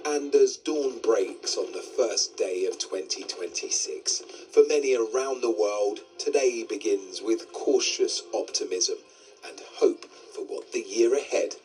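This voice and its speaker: A man's voice: fairly low pitch, low-quality recording. Man narrating a news report over music. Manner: measured, even reporting.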